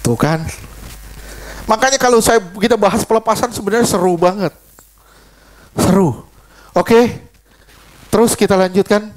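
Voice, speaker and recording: A middle-aged male preacher with a high-pitched voice delivers a lively, informal sermon. He swings between telling stories and throwing questions straight at the people in front of him. His tone stays conversational, even while he preaches. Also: unhurried, pauses often. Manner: animated, fires rhetorical questions at the congregation; switches between preaching and storytelling.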